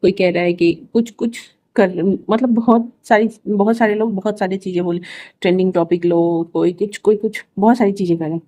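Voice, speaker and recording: Young woman vlogger, mellow tone, rambling chatty delivery with exasperated asides. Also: mid-range voice, steady tone, normal speed. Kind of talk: casual chat to camera.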